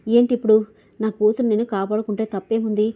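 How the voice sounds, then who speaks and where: A woman's voice: fairly high pitch, little pitch movement, fast talker, narrow, tinny audio, close to an everyday voice. A woman narrator voicing a stubborn, protective middle-aged father who answers bluntly and defensively.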